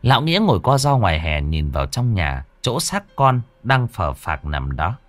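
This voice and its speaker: A man's voice: low voice, moderate pace, no echo. Man narrating a ghost story. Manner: lively dramatic narration.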